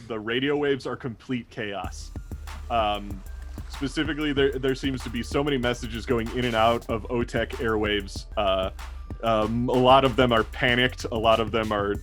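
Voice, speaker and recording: A man improvising narration as game master of a tabletop game, in a casual, halting way. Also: mid-range voice, a bit bright. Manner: casual, halting, prone to laughing.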